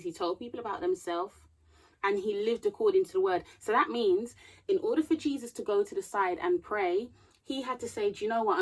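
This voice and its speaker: A vlogger in her thirties gives earnest, somewhat preachy advice to the camera, glancing at her notes now and then and growing more emphatic as she goes. Her voice is medium in pitch, and the audio quality is poor.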